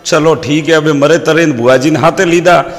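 A man's voice: fairly high pitch, moderate pace. A man with a Rajasthani accent, a comedian telling folksy comic stories, quoting proverbs and voicing characters. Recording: long hall reverb.

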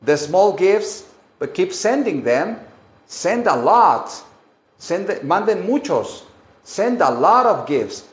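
A man teaching English to Spanish speakers on a live stream, slowly repeating phrases and drilling pronunciation. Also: sits high, big pitch swings, reverberant.

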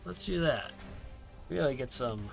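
Guy playing a strategy game and talking to himself, laid back commentary, middle pitch. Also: lively intonation, a little slow, vocal fry, faint music behind. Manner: mumbling to himself while playing. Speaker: gameplay video creator. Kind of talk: casual gameplay commentary.

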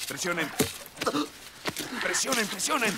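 An actor voicing a soldier hurriedly helping a wounded comrade in a dubbed war film. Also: male voice, sits high, very animated, heavy background noise. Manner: hurried, reassuring.

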